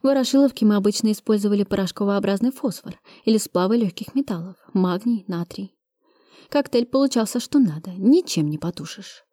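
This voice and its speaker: A woman narrating a first-person thriller audiobook in a steady, brisk manner. Her voice is mellow and darkish, recorded close and dry with no room sound. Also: medium pitch, no room sound. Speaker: audiobook reader.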